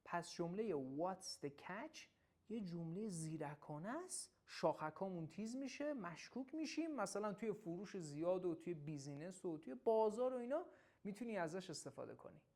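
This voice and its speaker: A woman teaching everyday English phrases in a casual lesson, saying each phrase slowly and then explaining it quickly. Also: fairly low pitch, animated. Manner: praises the listener warmly when coaching them to repeat.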